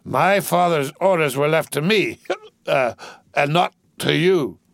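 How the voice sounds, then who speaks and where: A man's voice: fairly low pitch, lively intonation, slow pace, vocal fry, no echo, voice pushed down, full character voice. A man voicing a drunken, boastful rich young man who slurs, rambles and keeps breaking into laughter. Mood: drunk giggly.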